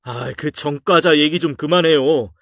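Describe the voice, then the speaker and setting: A man's voice: on the high side, a little slow, a bit bright, dry recording, clean studio sound. A man reading a story aloud and voicing a sulky, hopeless young adult son who talks back in a raised voice. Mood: defiant. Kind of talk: audio drama story reading.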